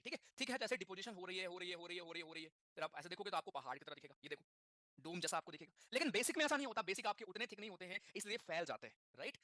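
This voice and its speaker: Rapid, bright-voiced male teacher. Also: high-pitched, dry recording, studio quality. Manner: rapid Hindi-English mix, repeats key terms, asks the class questions. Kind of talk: classroom lecture.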